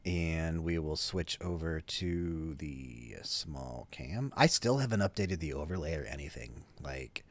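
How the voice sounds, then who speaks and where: A man's voice: a bass voice, expressive, a little slow, few pauses. A man hosting a casual reaction vlog, tired and drowsy, rambling and swearing casually. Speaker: reaction video host. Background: faint music.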